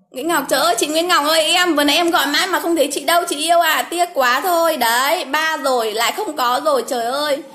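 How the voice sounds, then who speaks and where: Sharp in tone and high in voice, this woman runs a relaxed at-home livestream where she picks giveaway winners. She keeps up a chatty flow, repeating names and exclaiming often.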